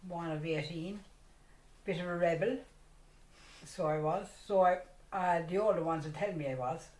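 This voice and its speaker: A woman in her sixties with an Irish accent, telling childhood stories in a lively, laughing way. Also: lowish voice, moderate pace. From Ireland. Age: 60s. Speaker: interviewee. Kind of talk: casual storytelling. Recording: echoey room.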